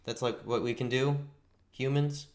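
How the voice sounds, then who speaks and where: A man's voice: medium pitch, fairly even intonation, normal speed. A young man narrating as game master, casually explaining rules and laughing easily.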